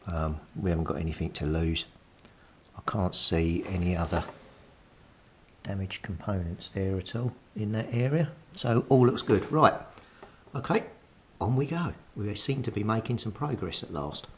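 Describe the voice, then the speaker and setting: Speaking at a normal pace in a low, slightly bright voice, this British man fixes radios as a hobby and narrates a repair video. He works with his hands while chatting casually, hesitating now and then as he thinks aloud. Noise and clicks are clearly audible in the audio.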